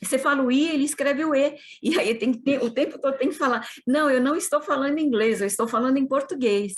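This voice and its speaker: A Brazilian woman who teaches heritage Portuguese to children in Japan speaks on a casual panel, explaining eagerly with many restarts. Her voice is high and she talks fast.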